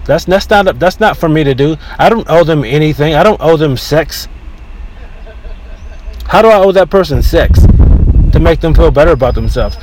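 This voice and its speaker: A man hosting a casual solo podcast from inside his car, talking in an opinionated, rambling way with frequent restarts, over a low-quality recording. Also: lively intonation, normal speed, pauses often, a little mellow. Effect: low-quality in-car recording with faint background noise. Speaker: podcast host. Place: inside a car near a beach.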